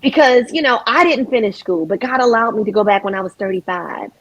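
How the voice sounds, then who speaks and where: A woman's voice: on the high side, expressive, a little fast, no room sound, highs cut off. A middle-aged woman, a singer and guest on a podcast, talking in an emotional, heartfelt way, laughing often and restarting her sentences. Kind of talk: casual podcast conversation.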